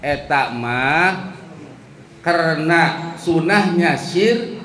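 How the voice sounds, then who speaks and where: Slow-speaking man teaching in an echoey hall. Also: a little high, lively intonation, sharp tone. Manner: slow, explanatory, chants Quran verses as examples. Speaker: Islamic teacher. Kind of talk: religious study lesson. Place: boarding school study hall. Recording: echoey room with faint background noise.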